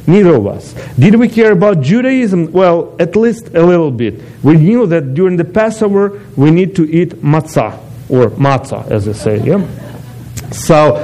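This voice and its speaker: Mellow-voiced man from Ukraine giving a testimony. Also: fairly high pitch, rough recording. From eastern Ukraine. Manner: non-native phrasing, chatty with asides to the audience. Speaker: guest speaker giving a testimony. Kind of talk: personal testimony talk.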